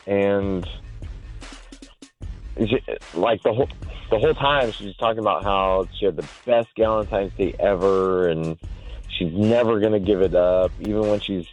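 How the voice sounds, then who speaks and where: A man speaking over the phone, hesitant and halting, full of fillers and restarts. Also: on the low side, faint music behind. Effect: heard over the phone. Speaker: phone call recipient. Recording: muffled phone-line audio.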